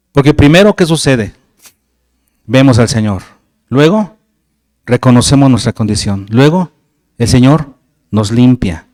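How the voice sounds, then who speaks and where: A man preaching a sermon, animated and acting out biblical dialogue. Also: mid-range voice, no room sound, clean studio sound. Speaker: pastor. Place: church.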